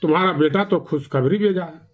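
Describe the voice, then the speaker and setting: A man doing a brisk, questioning village schoolmaster. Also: fairly high pitch, natural voice.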